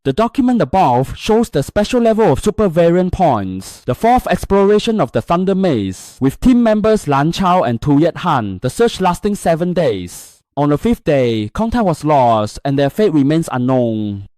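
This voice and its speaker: A man's voice: fairly high pitch, very animated, normal speed, few pauses, warm tone, dry recording. A man narrating a comic-style story recap in a scripted storytelling style.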